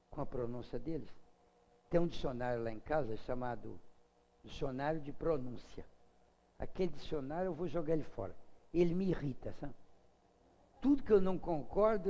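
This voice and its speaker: A man's voice: dark tone, big-room sound. An older man from Brazil giving a casual spiritist lecture, chatty and humorous, with asides to his audience. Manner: acts out quoted voices in a high pitch.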